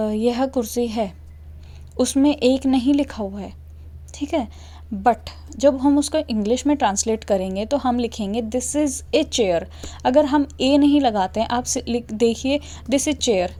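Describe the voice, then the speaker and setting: A woman's voice: fairly high pitch, dark tone. A young woman with an Indian accent patiently explains English grammar to beginners, often checking in with "okay" to see if students follow. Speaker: English teacher. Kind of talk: classroom explanation.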